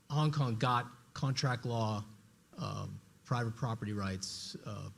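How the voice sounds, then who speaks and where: Male moderator, lively questioner, slightly raspy voice. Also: medium pitch. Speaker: panel moderator. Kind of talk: moderating a conference panel. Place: large conference hall.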